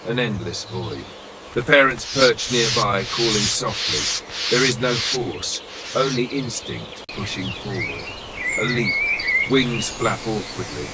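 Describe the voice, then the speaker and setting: A man reading scripted nature documentary narration in a solemn, dramatic manner, with short measured phrases and weighted pauses. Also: lowish voice, heavy background noise. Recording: loud nature ambience of birds and insects.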